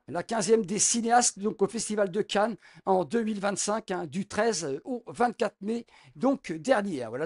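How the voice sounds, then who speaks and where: A man reviewing a film in a casual vlog, talking with constant hesitations, fillers and restarts. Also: sits high. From France. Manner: hesitant, heavy filler words, many restarts. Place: home room with film posters behind.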